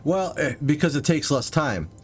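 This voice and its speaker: A man's voice: on the high side, moderate pace, a little hiss or hum. A man casually explaining his game to chat viewers while livestreaming, with slight hiccups. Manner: relaxed, explains as he plays, talks to viewers. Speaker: livestreaming gamer.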